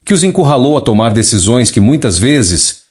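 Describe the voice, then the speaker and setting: A synthetic text-to-speech man's voice narrating a formal scripted proclamation in a measured way. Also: medium pitch, very animated, darkish tone, breathy edge. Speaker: narrator reading a channeled message.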